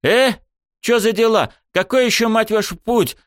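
A man voicing a fed-up, foul-mouthed young male gamer hero who shouts and swears. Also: high voice, normal speed, dry recording, studio quality, voice pushed up, lightly acted. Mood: exasperated.

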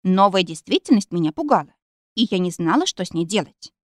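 A woman reading a first-person novel aloud in a soft, expressive storytelling manner. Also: on the low side, fairly quick, no room sound, clean studio sound. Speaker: audiobook narrator. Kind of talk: first-person audiobook narration.

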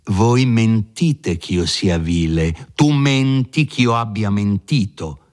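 A man voicing a proud man defending his honor, answering in a defiant, slow, deliberate way. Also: lowish voice, darkish tone, voice pushed up. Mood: defiant, cold.

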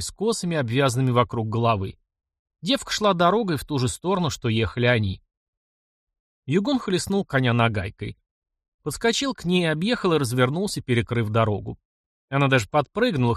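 Guy reading a dark fantasy audiobook, lively expressive voice, dry close sound. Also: medium pitch, dry recording. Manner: expressive storytelling. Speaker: audiobook narrator. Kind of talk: dramatic audiobook narration.

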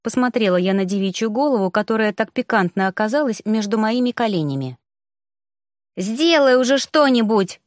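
Audiobook narrator: woman, expressive first-person read, mid pitch, dry close booth sound. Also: quick pace, few pauses, no echo. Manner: lively, expressive storytelling.

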